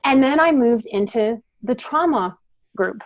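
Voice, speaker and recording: Unhurried but lively in intonation, a middle-aged woman with a fairly high voice speaks as a psychotherapist and life coach guesting on a podcast. She talks earnestly during the interview and presses hard on key words.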